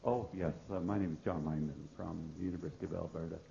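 A man's voice: low-pitched, steady tone, quick pace, gravelly, dark tone, a little hiss or hum. A man in the audience asking a lecturer a question, hesitant and full of filler sounds. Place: lecture hall. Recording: roomy, dull hall recording via passed mic.

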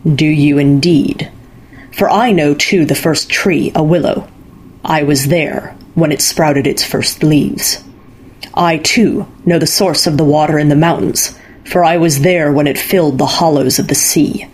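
A woman voicing an ancient, mighty male sorcerer who speaks slowly and menacingly. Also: fairly even intonation, darkish tone, slightly rough, poor audio. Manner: slow, deep, looming delivery.

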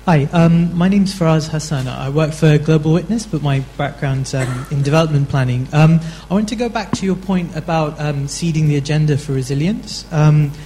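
A man's voice: on the high side, moderate pace, hardly any pauses, mellow, slight background noise, poor audio. A man in the audience asking a long, hesitant question at a lecture. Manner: hesitant, many ums. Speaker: audience member.

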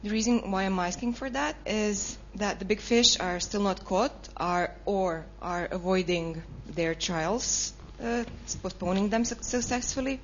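A woman's voice: medium pitch, measured pace, hardly any pauses, lo-fi sound, a little hiss or hum. A woman from Croatia, a student, asking an earnest, detailed question at a public debate.

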